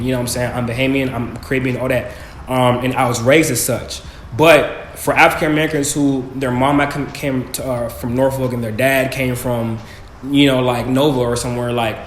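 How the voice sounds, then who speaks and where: On a student panel, a young man talks earnestly but casually, often checking in with "you know what I'm saying." His voice sits in the mid-range with a slightly bright quality. The room is echoey, with faint background noise.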